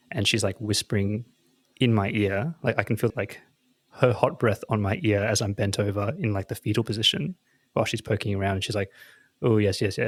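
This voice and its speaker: Aussie guy telling a funny story on a podcast, kinda low voice, laughs a lot, dry sound. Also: husky, no echo. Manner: animated, self-mocking, laughs through his story. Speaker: podcast co-host. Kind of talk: casual chat, comic storytelling.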